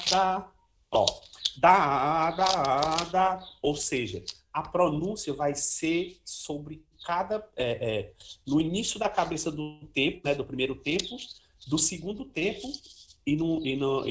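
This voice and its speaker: A man's voice: fairly high pitch, lively intonation, normal speed, slight background noise. A man teaching a casual trombone lesson, talking freely and singing short syllables to show articulation. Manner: chatty, sings syllables, many "ó" and "né" tags. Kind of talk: informal music lesson.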